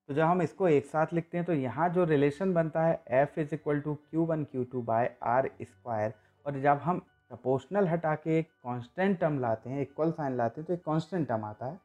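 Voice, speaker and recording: A man's voice: fairly high pitch, a little mellow. A man with an Indian accent teaching a physics lesson to students, explaining step by step and repeating key points. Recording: slightly dull lo-fi recording with faint music.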